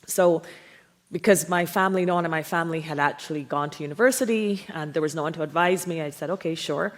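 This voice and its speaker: A middle-aged woman gives a conference talk through a PA, her voice low and pitched on the deeper side. She tells her story in a chatty, easy way. A long hall reverb trails behind every phrase. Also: fast. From Barbados. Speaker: keynote speaker, professor. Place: large auditorium.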